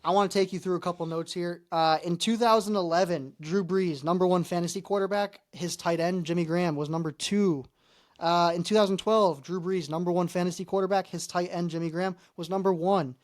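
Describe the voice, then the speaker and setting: A man's voice: sits high, fairly even intonation. Upbeat man talking fantasy football. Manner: upbeat, lists stats with pauses and fillers. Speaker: podcast co-host. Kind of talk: casual fantasy football chat.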